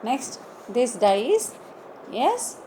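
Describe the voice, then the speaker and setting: A woman teaching an online English lesson, slowly spelling out words letter by letter and repeating them. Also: a little high, sing-song, warm tone, slight background noise, low-quality recording.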